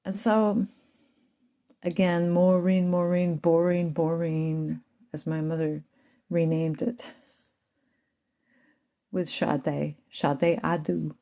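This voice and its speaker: Gravelly low-voiced woman confiding her story. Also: steady tone, slow pace, long pauses, mellow. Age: adult with children. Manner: rambling, emotional, confiding. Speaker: channel host. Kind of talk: personal storytelling monologue.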